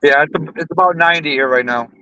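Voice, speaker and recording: A man's voice reaches us over a Bluetooth call that keeps cutting out. His tone is slightly high, with easy banter and swearing. The audio is dull and dry, with no room around it. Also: quick pace, pushed and bright, smooth, no room sound. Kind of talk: casual group chat over a call.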